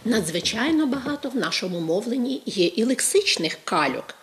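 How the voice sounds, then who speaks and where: A woman from Ukraine giving a measured educational talk on language, stressing each example word. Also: a little high, very animated. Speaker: language expert.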